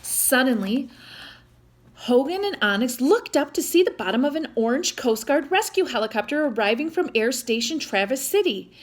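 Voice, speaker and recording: A woman reads a children's storybook aloud in a fairly high voice at normal speed. She reads expressively as a storytime reader and pauses for chatty little asides to her young listeners.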